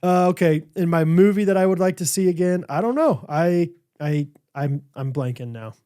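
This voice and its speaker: A man co-hosts a podcast in loose, casual chat. He rambles and restarts as he goes. His voice is slightly high and mellow. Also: moderate pace, clear, resonant tone. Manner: rambling, trips over his words. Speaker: podcast co-host.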